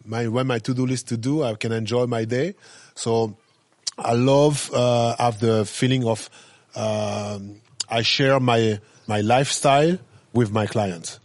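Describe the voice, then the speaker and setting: A man's voice: mid-range voice, fairly even intonation, measured pace, dry recording. A middle-aged man with a French accent, a hotel owner talking casually in broken English full of fillers. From France. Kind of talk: casual interview talk.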